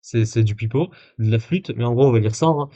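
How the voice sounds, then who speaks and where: A man's voice: medium pitch, a little fast, mellow, highs cut off. Sarcastic man streaming live commentary. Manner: casual, many fillers and restarts, sarcastic asides.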